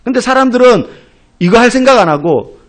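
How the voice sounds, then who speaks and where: A middle-aged Korean pastor delivers a sermon in a high, lively voice that swings widely in pitch. He tells stories vividly, acting out the people he quotes. He rises to loud, emphatic exclamations. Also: a little fast.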